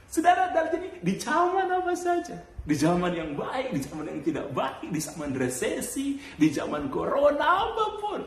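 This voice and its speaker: A male pastor preaching a sermon and telling a story, with lively jumps up in pitch and laughter in his voice. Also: echoey room, a little hiss or hum. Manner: animated storytelling with sudden high bursts and laughs. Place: church.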